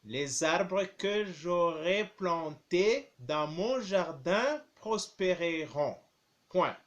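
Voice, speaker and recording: A male primary school teacher dictating a lesson, repeating each phrase deliberately and saying the punctuation aloud. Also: high voice, lively intonation, highs cut off.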